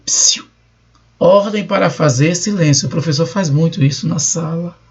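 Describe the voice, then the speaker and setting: A man's voice: fairly high pitch, normal speed, breathy edge. A man teaching a recorded lecture, explaining patiently and reading example sentences aloud with shifting intonation. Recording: dull lo-fi recording.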